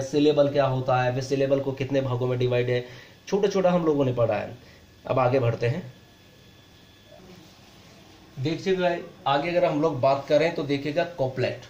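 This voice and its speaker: A man teaching an exam prep lesson, mixing Hindi and English, reading definitions very slowly and repeating them, often saying "to be clear guys". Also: a little high, a little mellow. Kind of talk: explanatory lecture. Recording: echoey room, dull lo-fi sound.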